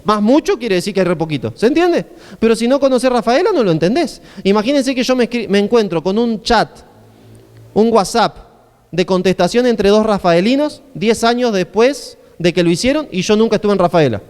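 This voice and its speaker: A man's voice: high-pitched, animated, a little fast, darkish tone, smooth, big-room sound. A man with an Argentine accent preaching a sermon as a pastor, in a conversational style with many rhetorical questions.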